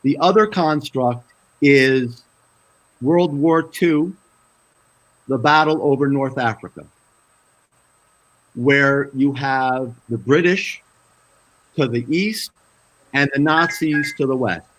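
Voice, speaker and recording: Slow, measured male analyst. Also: mid-range voice, fairly bright tone, low-quality recording. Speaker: guest analyst. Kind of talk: panel commentary.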